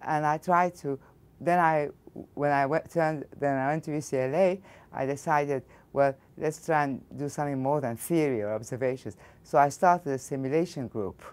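In a studio interview against a backdrop, an older Egyptian physics professor answers thoughtfully, often starting her sentences over. She has an Egyptian accent and a low-pitched, slightly mellow voice, and she speaks at normal speed.

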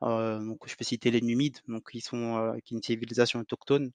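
Man from Algeria, monotone delivery, explains at length with stops and fixes, close dry mic. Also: mid-range voice, no echo. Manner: halting, self-correcting. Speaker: podcast guest, heritage advocate. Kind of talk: explanatory interview answers.

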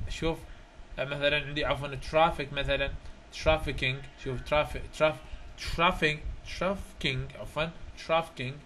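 A man's voice: on the high side, bright, forceful tone, a little hiss or hum. A man with an Iraqi Arabic accent, working through a grammar chapter review and checking that his students follow. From Iraq. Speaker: English grammar tutor.

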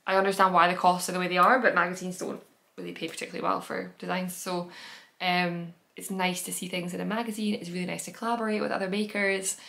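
A woman's voice: on the low side, flat delivery, quick pace, creaky, pushed and bright. A woman hosting a knitting podcast, chatting casually as she shows her projects, rambling with fillers and self-corrections. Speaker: knitting podcast host and pattern designer. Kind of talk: casual chatty show-and-tell.

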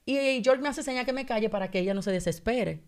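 A woman's voice: on the high side, fast. A woman telling an emotional personal testimony on a radio talk show, acting out the dialogue as she goes. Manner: animated storytelling, acting out dialogue. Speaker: guest giving testimony.

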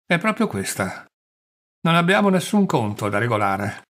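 A man reading a haughty gentleman in an audiobook, speaking with cold disdain. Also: medium pitch, big pitch swings, moderate pace.

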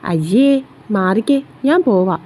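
A woman's voice: mid-range voice, lively intonation, measured pace, dark tone. A woman doing a coy, whiny young girlfriend. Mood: pouting. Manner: whiny, pouting.

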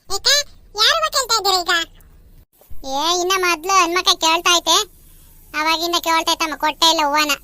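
Performer doing shrill pleading village woman. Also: pushed and bright, slight background noise, heavily acted. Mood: sympathetic. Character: pleading rural village women devotees. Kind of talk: cartoon voice acting.

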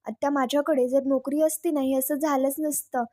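A woman reading the lines of a scheming young niece in a coaxing manner, in a high voice. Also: level tone, normal speed, darkish tone, dry recording, studio quality, natural voice.

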